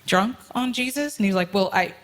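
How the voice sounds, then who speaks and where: A woman on a panel, expressive and laughing often as she tells anecdotes. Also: mid-range voice, brisk.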